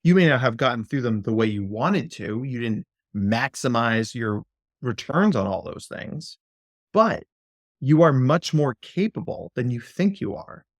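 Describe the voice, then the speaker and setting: A man of middle pitch talks as a clinical psychologist guest on a podcast. He speaks in a lively, playful way and often breaks into goofy voices. The recording is dry and close, with little room sound. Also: moderate pace, no echo. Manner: animated, playful, slips into silly voices. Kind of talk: conversational podcast interview.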